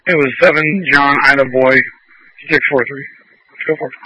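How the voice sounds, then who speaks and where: A husky man with a bright, tense edge to his voice calls in over a police radio channel, brisk and to the point as he spells out a plate. The transmission sounds dull and lo-fi. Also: medium pitch, steady tone, no echo. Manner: brisk, reading out a plate phonetically.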